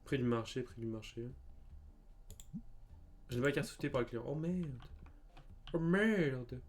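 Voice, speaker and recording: A man's voice: medium pitch, normal speed. A young man streaming a game, telling a story casually with many fillers and stammers. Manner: animated, stammering, heavy fillers. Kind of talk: casual storytelling over gameplay.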